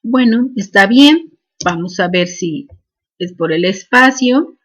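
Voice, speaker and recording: A woman's voice: medium pitch, lively intonation, slow, a bit bright. A woman, teaching a programming class and dictating each step with "este" fillers. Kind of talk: screen-recorded coding lesson.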